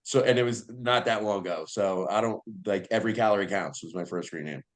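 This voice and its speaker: A man's voice: lowish voice, brisk. Guy coaching on a podcast, chill, blunt, cusses a lot and laughs easy. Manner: frank, swears casually, laughs easily. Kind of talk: casual podcast chat.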